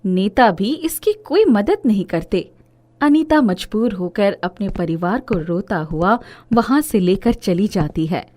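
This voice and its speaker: A woman narrating an animated moral story in a scripted, expressive storytelling manner. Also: mid-range voice, measured pace.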